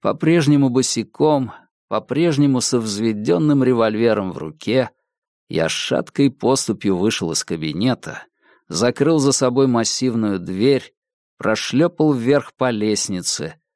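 A man reads a dark story aloud in a measured, somber and dramatic way. His voice sits at an ordinary middle pitch for a man. The recording is dry, with no room sound around him. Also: lively intonation, dry recording. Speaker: audiobook narrator. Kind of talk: scripted narration.

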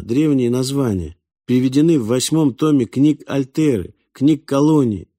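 A man's voice: mid-range voice, dark tone, no room sound, studio quality, pitched above the performer's own voice, close to an everyday voice. A man voicing an earnest young boy from another planet who explains things in a plaintive, eager way. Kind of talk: audiobook character voice.

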